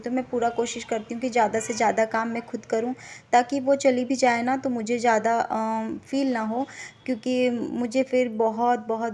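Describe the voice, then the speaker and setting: A woman from India narrating her home vlog in a homely, chatty way, pausing now and then with fillers. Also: a little high, darkish tone, a little hiss or hum. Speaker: home vlogger.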